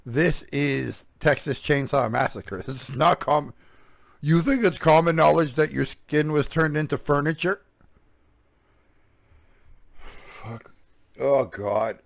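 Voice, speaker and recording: A man's voice: a little high, unhurried, gravelly, dry recording. A man giving a sarcastic, profane reaction commentary on a podcast clip, sounding exasperated.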